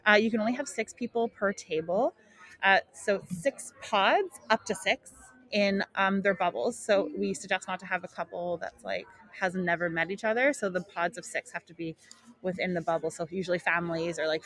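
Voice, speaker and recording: A woman's voice: fairly low pitch, fairly even intonation, brisk, a bit bright. A woman hosting a casual live podcast at a wedding show, talking informally through a face mask and often breaking off mid-thought. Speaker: podcast host and wedding planner. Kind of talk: casual live talk to listeners.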